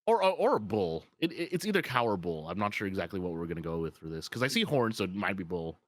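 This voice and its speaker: Excitable man recapping with lots of filler. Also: low voice, quick pace, no echo. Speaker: podcast co-host. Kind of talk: casual episode recap chat.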